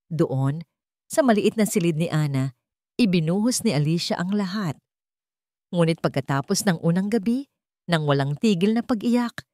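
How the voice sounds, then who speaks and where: A woman with a Filipino accent narrates a scripted romantic drama as a storyteller. Her voice is lowish and darkish, captured in studio quality with no room sound.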